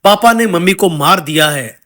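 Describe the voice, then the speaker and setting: A man's voice: sits high, lively intonation, moderate pace, fairly bright tone. A man reading as a weeping little girl begging for help. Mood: grieving.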